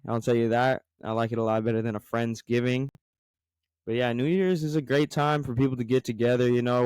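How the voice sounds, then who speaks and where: A man's voice: mid-range voice, a little mellow, smooth, no room sound. A man with an American accent talking casually as a solo podcast host, in a rambling, conversational way. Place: garage.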